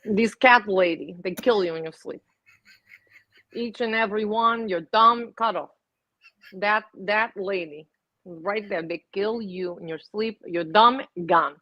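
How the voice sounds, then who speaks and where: A woman's voice: medium pitch, a little slow, no room sound, muffled recording. An older woman co-hosting a casual talk show, who makes dry, blunt jokes. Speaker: co-host, mother.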